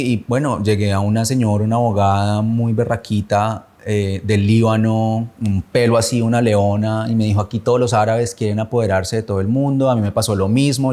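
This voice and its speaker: In a measured, reflective personal testimony, a Colombian-accented man in his thirties from Bogotá often searches for words. His voice sits on the lowish side and sounds mellow.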